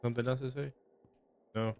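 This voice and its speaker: A man's voice: mid-range voice, fairly even intonation, brisk, darkish tone. A man giving let's play commentary on a game, reacting with startled exclamations and chuckles. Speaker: gamer.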